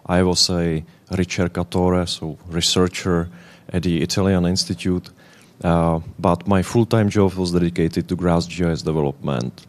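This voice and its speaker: Low-voiced Czech man giving a halting talk. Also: fairly even intonation. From Czech Republic. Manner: halting, searching for words in English. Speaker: conference speaker. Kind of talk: conference presentation.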